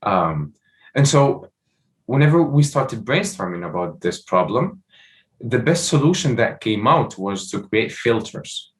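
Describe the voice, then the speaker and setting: A man's voice: mid-range voice, very animated, measured pace. A young man from Morocco, a startup founder, answering interview questions with many fillers and restarts.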